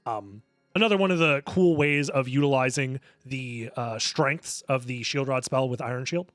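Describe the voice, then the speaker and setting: A man's voice: mid-range voice, moderate pace, fairly bright tone, no echo. A man giving casual speedrunner commentary, explaining his play analytically, step by step. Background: music under the voice.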